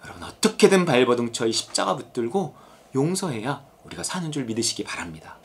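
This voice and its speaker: A man's voice: mid-range voice, sing-song, fairly quick, husky. A man giving a sermon-style Bible lecture, speaking straight to his listeners and acting out the characters he talks about. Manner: acts out characters' voices, exclaims and addresses listeners directly.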